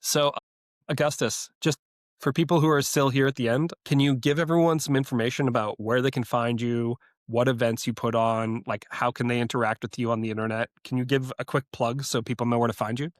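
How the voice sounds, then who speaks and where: A man's voice: medium pitch, little pitch movement, fairly quick, no room sound, clean studio sound. A man hosting a podcast interview who speaks in an enthusiastic, appreciative way. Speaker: podcast host.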